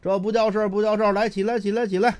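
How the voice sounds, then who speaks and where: A man's voice: high voice, flat delivery, very fast, darkish tone, dry recording, pitched above the performer's own voice, lightly acted. A male storyteller voicing a joking, easygoing prince who gives orders breezily. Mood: breezy commanding. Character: jovial, easygoing old Beijing prince.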